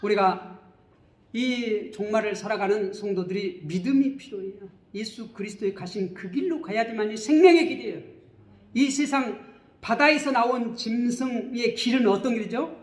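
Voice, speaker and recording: A man's voice: high voice, moderate pace, roomy sound. A man preaching a sermon as pastor, who keeps asking the congregation questions and then answering them himself.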